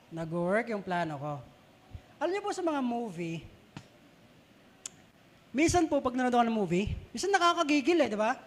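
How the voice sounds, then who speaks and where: A man with a Filipino accent preaching a sermon in a conversational way, often putting questions to the congregation. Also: extremely high pitch. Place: church hall. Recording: long reverb of a church hall.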